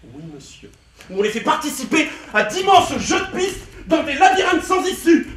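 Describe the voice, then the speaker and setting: A man performing a satirical one-man stage show in a sarcastic, theatrical way, often shouting punchlines. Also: very high voice, big pitch swings, moderate pace, echoey room, recorded from a distance. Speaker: comedian.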